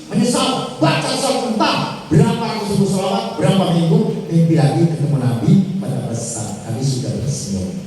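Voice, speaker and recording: Older preacher, lively high voice, echoey. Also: male voice. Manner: storytelling preacher, acts out dialogue in shifting voices, chants Arabic prayers. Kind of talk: sermon. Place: large outdoor religious gathering. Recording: echoey hall sound from far off.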